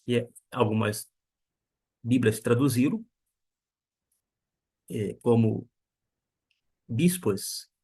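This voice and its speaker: Slow, husky Greek teacher. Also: male voice, mid-range voice, expressive, dark tone. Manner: slow and deliberate, spelling out pronunciations. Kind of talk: beginner language lesson.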